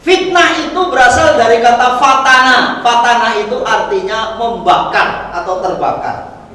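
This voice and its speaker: A man's voice: extremely high pitch, a little slow, sharp tone. A man preaching a dawn sermon in a mosque, explaining terms and putting questions to the congregation. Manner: explanatory, asks the audience questions. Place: mosque prayer hall. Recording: echoey hall from far off.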